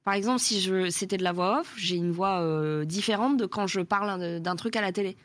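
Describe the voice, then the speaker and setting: A woman's voice: medium pitch, a little fast, dry recording. Female columnist, mid voice, plain factual delivery, dry mic. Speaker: columnist and voice-over. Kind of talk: casual group chat.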